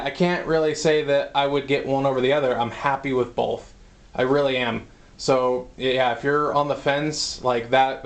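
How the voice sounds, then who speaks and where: A man giving a casual spoken toy review, rambling and halting with many fillers, slightly out of breath as he stands by a camera on a tripod. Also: medium pitch. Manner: rambling, halting, full of "uh" and "you know".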